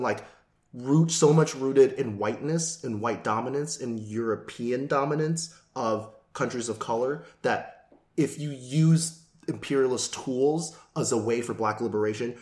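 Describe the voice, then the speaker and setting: Questioning man in an echoey room. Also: mid-range voice. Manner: questioning, thinks aloud with restarts. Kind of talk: casual discussion.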